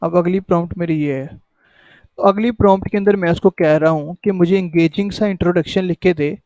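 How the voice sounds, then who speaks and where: Male tutor, high and mellow, dry close sound, chatty walkthrough. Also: steady tone, a little fast, no echo. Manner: conversational, repeats "ठीक है" to check in. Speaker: tutorial host. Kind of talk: casual screen-recorded tutorial.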